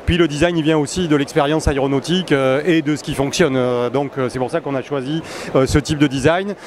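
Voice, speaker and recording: A man in his forties, a sales manager answering interview questions in a measured, hesitant way with many filler sounds, recorded on a handheld mic. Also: fairly high pitch, steady tone, darkish tone. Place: busy indoor trade-show hall. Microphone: handheld interviewer mic close up. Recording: clear crowd hall noise behind.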